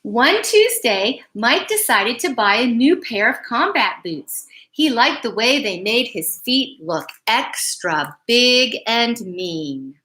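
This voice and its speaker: With a slightly high, bright voice and a forceful tone, a woman reads a picture book to children at bedtime. She is very animated, phrasing deliberately and emphatically and slipping in little asides to the kids listening.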